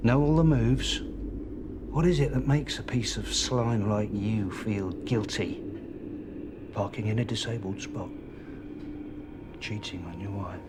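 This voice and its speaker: A man's voice: lowish voice, unhurried, natural voice. Male actor as a cop grilling a suspect: cold, contemptuous, threatening, some noise in the room. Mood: menacing. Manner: menacing, contemptuous interrogator. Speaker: police detective. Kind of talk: TV crime drama acting.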